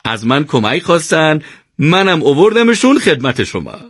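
Guy doing a modest young soldier, soft-spoken, husky, dry sound. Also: on the high side, big pitch swings, no room sound, pitched above the performer's own voice. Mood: cheerful. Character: wounded modest young male fighter.

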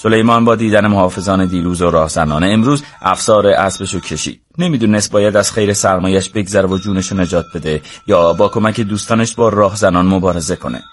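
Low voiced guy reading a story, steady and even. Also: few pauses, a little hiss or hum. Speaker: narrator. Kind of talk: storybook narration.

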